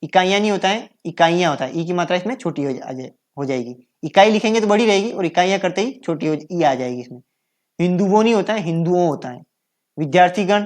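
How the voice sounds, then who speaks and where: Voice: mid-range voice, a little mellow. A Hindi grammar teacher giving a lesson, patiently repeating each correct form and asking and answering their own questions. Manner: frequent self-corrections and trailing "है ना" checks. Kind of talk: recorded online grammar lesson.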